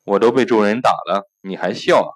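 A man's voice: lowish voice, a little fast, natural voice, rough recording. A man voicing a tearful old ox. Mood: aggrieved. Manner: choked-up, plaintive. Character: sad, hardworking, aggrieved old ox.

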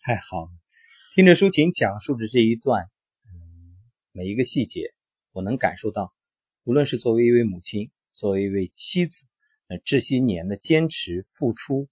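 A man with a low, husky voice hosts an interview and sums up his guest's story in measured, formal phrases. The sound is dry and close. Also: very animated, no room sound. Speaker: interview host. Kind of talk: hosted interview.

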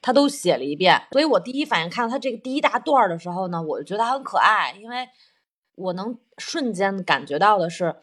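A woman's voice: medium pitch, lively intonation, quick pace, a bit bright. A woman telling a personal story in casual conversation, earnest and self-reflective, explaining her feelings at length.

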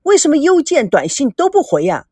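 A woman's voice: high-pitched, big pitch swings, a little fast, mellow, dry recording, clean studio sound, voice pushed up. A woman reading the lines of a bold young woman who scolds her friend in an audiobook story. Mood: scolding.

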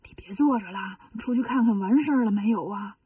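A woman's voice: medium pitch, brisk, mellow, breathy edge, dry recording, clean studio sound, distant mic, lightly acted. A woman voicing a mild, fretful male monk in a children's storybook. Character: fussy, timid male monk, leader of the pilgrims.

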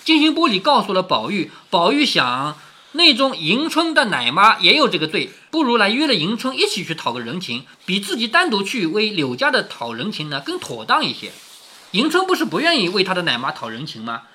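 Lively husky man telling a classic tale. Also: high-pitched, brisk. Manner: asks the listener rhetorical questions; animated, shifts between reading and chatty explaining. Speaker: storyteller. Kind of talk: retelling a classic novel with commentary.

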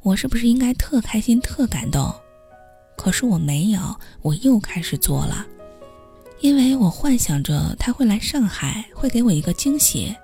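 A woman with a mellow, gravelly voice tells her own story in the first person, like a podcast host reading to listeners. She mocks herself wryly as she goes. Soft music plays faintly behind her. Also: mid-range voice, sing-song, moderate pace. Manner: wry, self-mocking storytelling.

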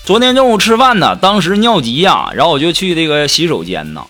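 A man delivers a comic joke monologue in a high voice. His pitch leaps and dips wildly as he stretches out each setup. Music plays clearly behind him. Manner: animated, drawn-out storytelling with dramatic pauses. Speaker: comic storyteller.

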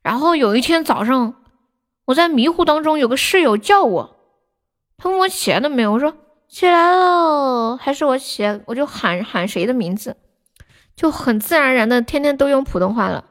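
Gaming on a livestream, a playful young woman from Sichuan, China, chats away, giggling and breaking into yelps and shrieks. Her voice sits high, animated and a little fast.

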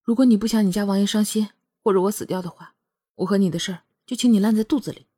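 A woman reading a novel aloud, voicing a cool-headed, scheming young woman in a slightly breathy voice with a brisk, commanding manner. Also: a little high, sing-song, pitched above the performer's own voice. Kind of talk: audiobook character voice.

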